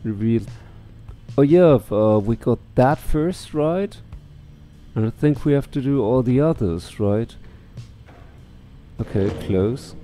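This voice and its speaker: With faint game music underneath, a let's play streamer who sounds middle-aged casually comments on his gameplay, reads the game's text aloud, mutters to himself and swears into a headset mic. He has a mellow, mid-range voice with lively intonation, speaking slowly with long pauses.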